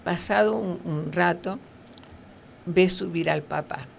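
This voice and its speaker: Woman, Bible teacher, gravelly voice, lowish pitch, earnest, conversational, faint background noise. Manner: measured, earnest, with many fillers and tag questions.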